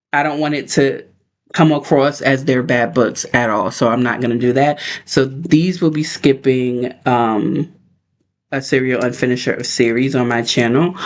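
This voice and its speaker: Male livestream host, casual and conversational, mid-range voice, informal rambling delivery. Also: medium pitch.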